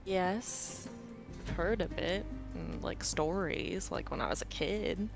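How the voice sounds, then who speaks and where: A woman's voice: medium pitch, slow pace, music in the background. A woman playing a tabletop game, chatting casually in and out of character. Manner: casual, describes her character's actions. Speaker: player.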